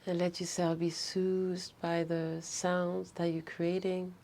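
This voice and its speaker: Mellow, slightly creaky woman guiding breathwork. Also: lowish voice, little pitch movement, slight background noise. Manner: soothing, unhurried guidance with short phrases. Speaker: yoga breathing instructor. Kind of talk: guided breathing practice instruction.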